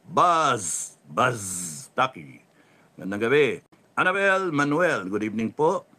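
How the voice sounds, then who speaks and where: Animated Filipino man with a lively, rising voice. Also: slow. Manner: animated, laughs often, drops to a low mutter after punchlines. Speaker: livestream host reading viewer comments. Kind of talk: casual livestream talk, mixing Tagalog and English.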